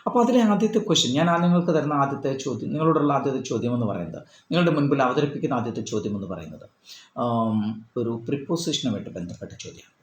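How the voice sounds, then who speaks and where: Malayalam-accented man teaching, lively pitch. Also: rapid-fire, echoey room. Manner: repeats and rephrases points, fillers, explains patiently. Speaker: English teacher for exam prep. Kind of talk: explanatory lesson.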